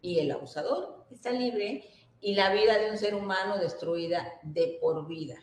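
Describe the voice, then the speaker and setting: A woman's voice: mid-range voice, moderate pace, slight background noise. A woman gives an earnest workshop talk, often checking in with her listeners. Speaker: workshop speaker. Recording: roomy echo.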